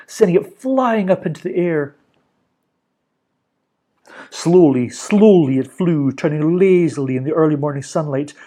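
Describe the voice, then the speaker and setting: A man reading a children's storybook aloud for a library, animated and expressive. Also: a little high. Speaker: library reader.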